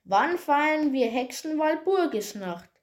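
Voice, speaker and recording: A woman voicing a shrill, furious evil witch in a storybook tale. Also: animated, slow pace. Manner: shrieking, furious.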